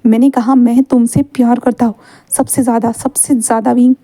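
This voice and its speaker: A woman's voice: on the high side, little pitch movement, fairly quick, mellow, dry recording. A woman voicing an earnest male teacher in a fan story read aloud. He insists and repeats his declarations. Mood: insistent.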